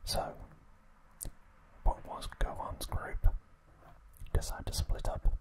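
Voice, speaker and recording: In a soft, unvoiced whisper full of breath, an ASMR host leisurely walks through a recap of an anime series.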